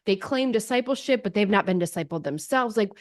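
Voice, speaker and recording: A woman from North Dakota co-hosting a podcast, chatty and rambling, thinking aloud with animated asides. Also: medium pitch, brisk, no echo, studio quality. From North Dakota, USA. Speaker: podcast co-host. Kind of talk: conversational podcast interview.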